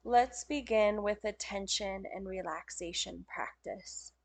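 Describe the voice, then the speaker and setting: A woman with a medium-pitched voice guides a yoga nidra meditation as a teacher, speaking in gentle, soothing, unhurried phrases broken by pauses.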